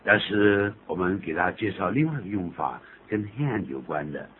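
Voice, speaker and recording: A man's voice: deep voice, normal speed. A man hosting a radio English lesson, explaining phrases in a chatty, joking way. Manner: jokey, animated, laughs at his own examples. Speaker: English teacher and radio host. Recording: tinny phone-like radio audio with faint hiss.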